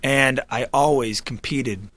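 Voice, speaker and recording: A man's voice: medium pitch, takes it slowly, fairly bright tone, no room sound. A man in his thirties, a guest improv comedian chatting casually, rambling with lots of fillers and restarts. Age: 30s. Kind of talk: casual interview chat.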